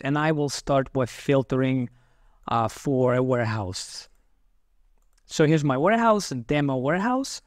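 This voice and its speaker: A man with a fairly high voice talks through a software lesson, explaining each step in a calm, methodical way as he types. The sound is dry and close, with no room around it. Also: no room sound. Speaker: software instructor. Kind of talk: screen-recorded tutorial narration.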